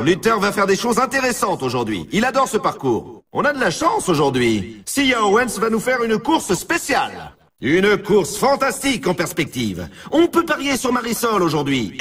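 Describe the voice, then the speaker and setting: A man voices an excited, upbeat snowboard race announcer for a video game, delivering showman-style commentary in a husky, slightly high voice. It's a full character performance, picked up by a distant mic.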